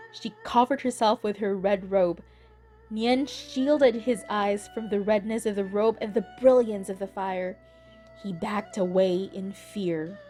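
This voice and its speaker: A woman reading a children's picture book aloud in a gentle, deliberate way. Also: medium pitch. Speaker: storybook reader. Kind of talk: children's read-aloud narration. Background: soft instrumental music.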